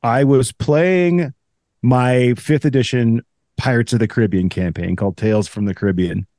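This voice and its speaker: A man's voice: mid-range voice, moderate pace, warm tone, no room sound, clean studio sound. A man talking as a podcast guest, telling a long story in a rambling, casual way full of restarts. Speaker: podcast guest, game designer.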